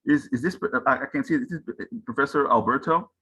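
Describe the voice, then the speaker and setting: A man from Brazil coordinating an online session, chatting quickly over a video call and repeating himself. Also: medium pitch, bright, forceful tone, breathy edge. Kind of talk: casual video-call chat.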